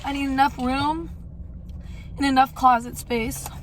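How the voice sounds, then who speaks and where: Young female vlogger, high voice, candid rambling chat, background noise. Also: fairly even intonation, a little slow. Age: young adult. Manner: candid, rambling, mild swearing. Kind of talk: casual chatty life-update vlog.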